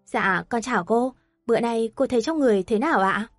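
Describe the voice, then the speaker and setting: A woman's voice: a little high, brisk, dry recording, studio quality, faint music behind, lightly acted. A woman voicing a polite, respectful young male doctor in an audio story. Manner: courteous and respectful.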